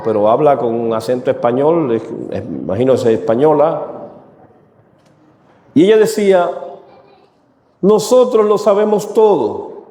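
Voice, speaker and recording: A man's voice: medium pitch, warm tone. A man preaching a sermon to his congregation, asking them rhetorical questions. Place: church. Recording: echoey church hall.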